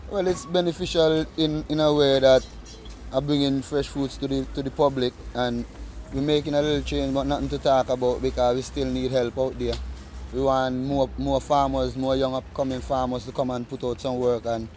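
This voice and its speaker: Nevisian man, mid-pitched, faint outdoor noise. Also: little pitch movement, normal speed, darkish tone. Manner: repeats words while talking. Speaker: market produce vendor. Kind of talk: casual interview answers.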